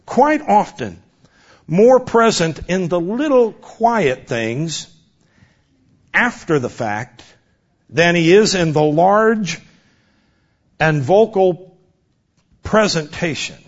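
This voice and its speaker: A man in his fifties preaching a sermon, swinging from loud exhortation down to a hushed near-whisper. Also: high-pitched, expressive, takes it slowly, long pauses. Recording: dull lo-fi recording.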